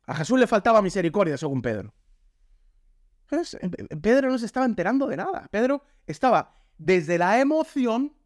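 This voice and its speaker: Lively Spanish man preaching. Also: high voice, no room sound, studio quality. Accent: Spain. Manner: animated, jokey, acts out quoted voices. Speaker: pastor. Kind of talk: sermon.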